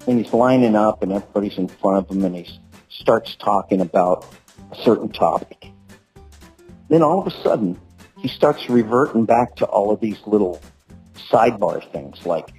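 A dad leaving a rambling, meandering voicemail for a friend in a folksy, wandering way. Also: male voice, on the low side, dark tone, husky, low-quality recording.

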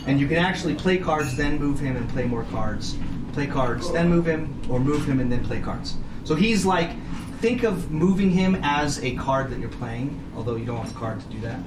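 A man's voice: mid-range voice, lively intonation, normal speed. A man explaining the rules of a board game to players at a table in a casual, chatty way, laughing often. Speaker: game teacher. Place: room around a table game. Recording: echoey room from a distance, faint noise.

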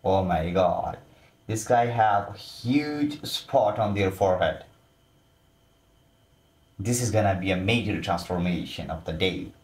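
A man's voice: low voice, measured pace, pauses often, a little mellow. A man giving casual voice-over commentary with frequent exclamations and loose, informal phrasing. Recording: roomy echo.

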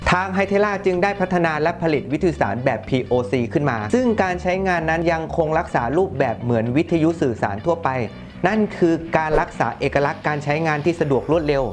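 A man's voice: fairly high pitch, a little fast. A man presents a scripted product explainer to camera. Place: small bright indoor showroom. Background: background music.

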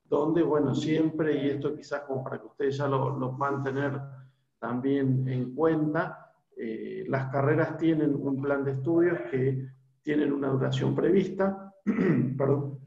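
His voice is mid-range, gravelly and dark, at a measured pace. A man in his forties and a university lecturer with an Argentine accent, he talks informally and hesitantly to prospective students on a video call, with many fillers and restarts, from a small room at home over a laptop webcam, giving echoey, dull lo-fi audio.

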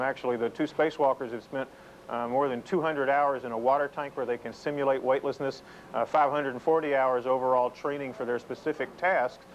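A middle-aged man gives live news reporting as a space correspondent. He explains in measured phrases at an average pitch. The sound is dull, with faint noise, like an old taped broadcast. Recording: dull, noisy VHS TV broadcast.

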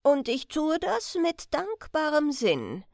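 A woman reading an audiobook, voicing a frightened old male miser who pleads with a ghost in a halting way with hesitant fillers. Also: high-pitched, huge pitch swings, gravelly, a little mellow, no room sound, studio quality, pitched above the performer's own voice, heavily acted. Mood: fearful pleading. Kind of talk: audiobook character voice.

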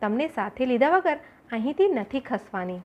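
A devoted young queen from a folk tale, earnest and heartfelt, as a woman narrator voices her. The voice is somewhat high and close to the reader's own storytelling tone. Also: sing-song, moderate pace, a little mellow. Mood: determined.

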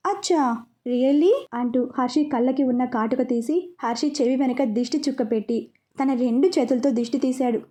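A woman narrating a serialized romance story in a steady, gentle reading voice. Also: high-pitched, brisk.

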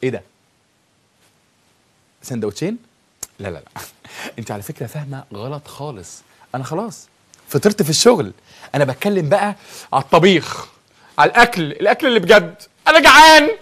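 A man's voice: a little high, expressive, fast talker, pauses often, a bit bright, breathy edge. A man with an Egyptian accent acting an exasperated husband in a comedy sketch, ranting and teasing. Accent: Egyptian Arabic.

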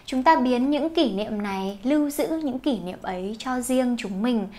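A woman's voice: on the high side, animated, normal speed, a little mellow. Woman teaching English through song. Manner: sings lines then explains pronunciation. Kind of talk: song lesson, explaining and singing along.

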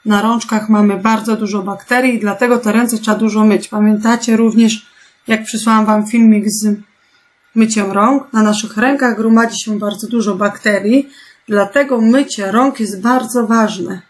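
A woman teaching a remote lesson to young pupils, patient and clear, asking them gentle questions. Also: medium pitch, fairly even intonation. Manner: slow, patient, clearly articulated instructions. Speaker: primary school teacher.

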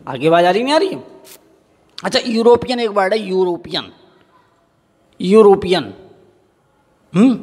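High-voiced male teacher in an echoing room. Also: darkish tone. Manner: asks the class questions and answers them himself; repeats each example word slowly. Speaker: school teacher. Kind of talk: classroom grammar lesson.

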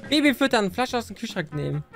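Woman let's-player, high and animated, excitable commentary, game music underneath. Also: quick pace. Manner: excitable, shrieks and laughs at the game. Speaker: let's-play gamer. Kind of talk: gameplay commentary.

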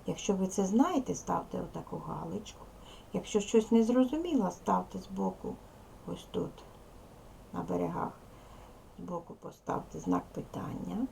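A woman teacher leading a lesson for young children, speaking slowly and repeating key words. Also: fairly low pitch, very animated, vocal fry, dark tone, a little hiss or hum. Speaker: primary school teacher. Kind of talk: teaching a second-grade language lesson.

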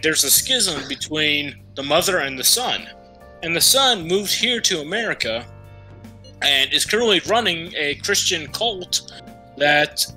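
A young man co-hosts a game session, goofing around with teasing, crude jokes. His voice is very bright and a bit high. Faint game music sits behind him. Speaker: let's play co-host. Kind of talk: casual gaming chat.

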